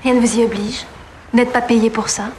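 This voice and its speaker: An actress playing a proud, witty young aristocratic woman in a period film, haughty and quick with sharp retorts. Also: on the high side, fairly even intonation, a little hiss or hum, close to an everyday voice. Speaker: Mathilde, the marquis's daughter.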